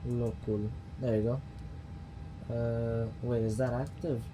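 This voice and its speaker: A man's voice: medium pitch, little pitch movement, slow pace, over music. A man streaming a flight simulator, casually thinking aloud and muttering to himself as he works through procedures.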